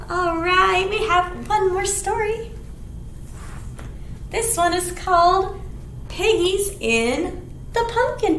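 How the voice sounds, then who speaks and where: At a library storytime, a woman with a very high voice reads picture books and rhymes to young children in a slow, sing-song way, with big expressive emphasis and exaggerated delivery. She adds dramatic gasps and simple explanations for the little ones. The recording is echoey and roomy, with clear background noise.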